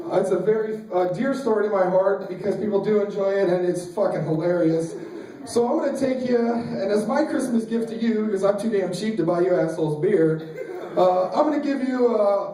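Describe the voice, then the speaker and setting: High-voiced crude young comic. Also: male voice. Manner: crude, laughing, animated storytelling. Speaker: stand-up comedian. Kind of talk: stand-up routine. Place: small pizza shop show. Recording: echoey room from a distance.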